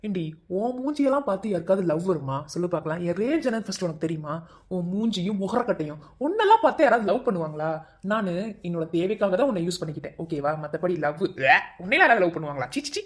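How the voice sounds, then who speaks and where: A woman's voice: on the low side, sing-song. A woman voicing a scheming, cruel young man in a cartoon love story, talking in a sneering, taunting way. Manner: sneering, taunting, fast talk. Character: scheming young male villain, cruel and mocking.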